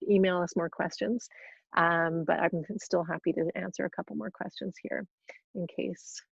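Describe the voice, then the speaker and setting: A woman chats through a live Q&A on a video call, bubbly and full of restarts. Her voice sits fairly low with a gravelly edge. The sound is dry and a little dull, like lo-fi webinar audio. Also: fairly even intonation, normal speed, dry recording. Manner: chatty, bubbly, with frequent restarts and laughs. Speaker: yoga teacher trainer hosting a webinar. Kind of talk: casual live Q&A, reading questions aloud.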